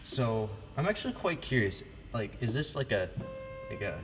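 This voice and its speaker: A man with a medium-pitched voice and big swings in pitch casually demonstrates church organ stops at the console, at a moderate pace. He restarts often and fills pauses, as a pipe organ plays loudly in the background.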